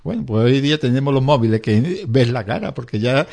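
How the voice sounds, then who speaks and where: A man's voice: mid-range voice, expressive, a little fast, vocal fry, a little mellow. A middle-aged man talking as a doctor on a radio health segment. He explains things plainly with homely examples and acts out what patients say.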